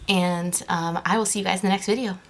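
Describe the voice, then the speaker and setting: Low-voiced woman gushing over crafts. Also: fairly even intonation, fast, gravelly, slight background noise. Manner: gushing, chatty, lots of fillers and soft whispered asides. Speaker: crafting vlogger. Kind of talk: casual vlog chat.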